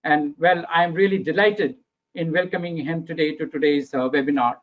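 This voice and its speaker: A man's voice: on the high side, normal speed. A man from India with an Indian English accent, formally introducing the speakers as webinar moderator, with many hesitant uhs. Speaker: regional marketing director and webinar moderator. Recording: dull lo-fi webinar audio.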